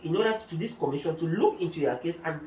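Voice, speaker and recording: A migration adviser on an explanatory talk show walks through procedures step by step, using German terms. His fairly high voice is expressive, a little mellow, and fast. The recording has some hiss or hum, an echoey room, and a distant mic.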